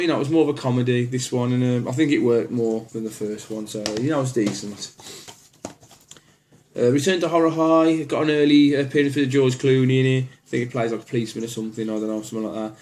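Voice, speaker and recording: A man's voice: mid-range voice, quick pace, a little mellow. Male collector, easygoing and rambling, frequent fillers and restarts, plain opinions. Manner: rambling, lots of ums and restarts. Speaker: horror film collector. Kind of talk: casual collection walkthrough.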